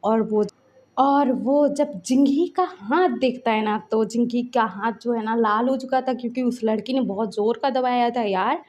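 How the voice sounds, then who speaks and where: A woman narrating a fan story in a relaxed, conversational way, as if telling a friend. Her voice is high but warm and mellow. She wanders with little fillers between the events. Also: normal speed, dull audio. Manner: chatty, loose fillers. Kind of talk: casual fan-fiction storytelling.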